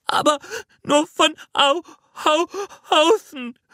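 A reader voicing a tearful, excitable little girl with a high, squeaky voice that breaks into sobs, for a children's audiobook. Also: takes it slowly, no room sound, clean studio sound, heavily acted. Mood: whiny sobbing.

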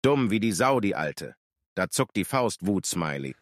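A man voicing an anonymous hateful online commenter, his voice pitched down and distorted by a voice changer, with a sneering, contemptuous manner. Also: very animated, unhurried, no room sound. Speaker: voice reading hate comments. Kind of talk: radio feature reading.

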